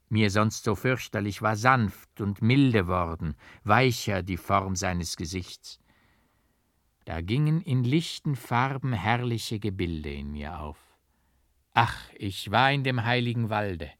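A man reading a classic novel aloud as an audiobook, in a slow, hushed, brooding dramatic manner. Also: on the low side, animated, no echo, clean studio sound. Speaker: audiobook narrator.

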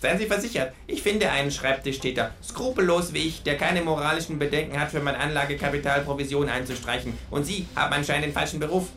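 A man's voice: fairly high pitch, fast talker, hardly any pauses, sharp tone, roomy sound, faint music behind, pitched above the performer's own voice. A man voicing a brash, cynical male kangaroo who talks bluntly with sarcastic provocation. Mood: sardonic. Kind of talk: audiobook character reading.

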